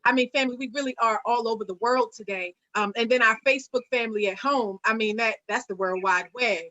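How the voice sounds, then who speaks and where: Woman hosting an online panel, bright high-ish voice, earnest, lots of ums. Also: fairly quick, highs cut off. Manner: earnest, preacher-like cadence with frequent fillers. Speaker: host; singer.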